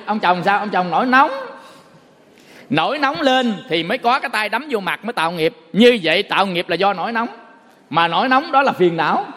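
A man giving a Buddhist dharma talk, a folksy, animated storyteller who quizzes his listeners. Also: sits high. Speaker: Buddhist monk. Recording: long hall reverb.

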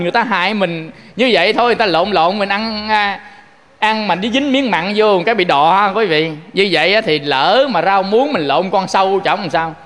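A man's voice: high-pitched, fairly bright tone, big-room sound. A man with a Southern Vietnamese accent giving a Buddhist sermon, telling folksy stories and often turning to address his listeners. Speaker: Buddhist monk preaching.

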